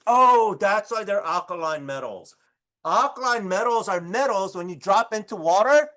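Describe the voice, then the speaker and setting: A man lecturing a chemistry class, his voice high and sharp-edged. He teaches with animated, exclamatory energy, tossing "right?" at the room after nearly every step. He sounds like a classroom teacher on his feet in front of students.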